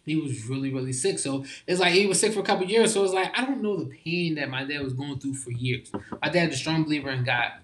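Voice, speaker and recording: Here is a young man in a loose, heartfelt conversation, his voice sitting a bit high for a man. His talk is full of informal slang and halting restarts as he works his way through each thought. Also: a bit bright. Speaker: guest.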